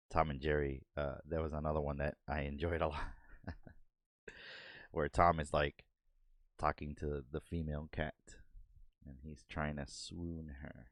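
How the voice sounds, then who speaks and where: A podcast host and artist with a rumbling low voice chats casually at a desk microphone while doodling, laughing often and acting out cartoon bits. His pitch barely moves, his pace is measured, and he pauses often. No room sound is heard.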